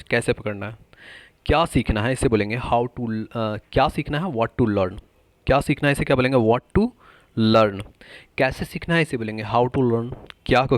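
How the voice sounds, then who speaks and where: A man teaching everyday English phrases, repeating each one slowly and asking viewers to comment their answers. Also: mid-range voice, no echo.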